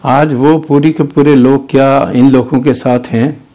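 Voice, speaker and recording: A man's voice: medium pitch, fairly even intonation, a little slow, dark tone. An older man with a Pakistani Urdu accent, a lawyer guest arguing legal points in a studio news interview. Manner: argumentative, legalistic, with restarts.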